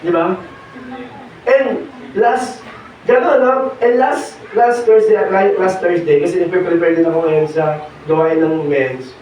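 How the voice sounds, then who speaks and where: A hoarse young man preaching a sermon, mixing in English and pausing on fillers. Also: high-pitched, darkish tone, slight background noise. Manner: mixes Tagalog and English, pauses with fillers. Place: church hall. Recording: echoey hall, distant dull mic.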